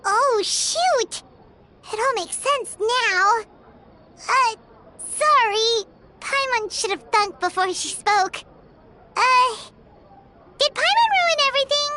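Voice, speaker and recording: A woman voicing a tiny, childlike, outspoken fairy companion in a video game, squeaky and earnest. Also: expressive, slow pace, long pauses, sharp tone, full character voice. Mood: sheepish, apologetic. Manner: squeaky, refers to herself in third person. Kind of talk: animated game voice acting.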